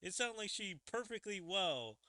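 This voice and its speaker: A man's voice: sits high, sing-song, moderate pace, sharp tone, no room sound. A man reacting to a video in a casual, rambling way, filling his speech with "like". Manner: rambling, lots of "like" fillers. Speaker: reaction streamer.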